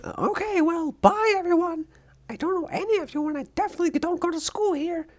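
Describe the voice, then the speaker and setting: A woman voicing a brash, chirpy, earnest young female superhero with squirrel powers in a comic dub, in a bubbly, sassy, excitable way. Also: extremely high pitch, brisk. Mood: cheerfully awkward.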